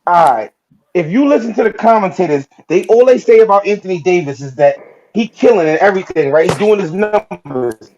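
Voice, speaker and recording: A man's voice: high voice, expressive, brisk, a little mellow, lo-fi sound. A man, a guest battle rapper talking in a casual podcast chat, emphatic and heavy on street slang. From Brooklyn, New York. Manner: street slang, emphatic, repetitive "you feel me".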